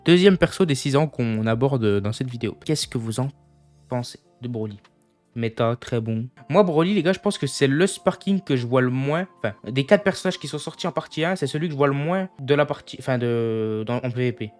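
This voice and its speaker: A man's voice: medium pitch, expressive, brisk, darkish tone, soft background music. A young man streaming, chatting casually with his viewers and thinking aloud as he goes. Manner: thinks aloud, keeps addressing the chat as "les gars". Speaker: gaming streamer. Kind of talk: casual live chat with viewers.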